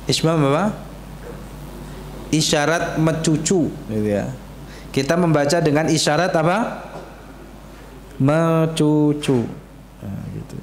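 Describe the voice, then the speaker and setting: A man teaches Quran recitation rules at an unhurried pace. He asks his students questions, has them repeat after him, and draws out Arabic words in slow chant. His voice rings with the long reverb of a mosque hall. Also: on the high side, animated, a little hiss or hum. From Indonesia. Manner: chants Arabic words slowly, explains quickly. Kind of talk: tajwid lesson with call-and-response.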